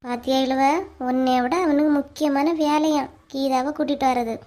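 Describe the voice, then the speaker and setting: A woman with a Kanyakumari accent playing a sharp-tongued, complaining middle-aged aunt in a comedy skit. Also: high voice, steady tone, normal speed, close to an everyday voice. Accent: Kanyakumari Tamil. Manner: scolding, complaining. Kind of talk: acted village family drama.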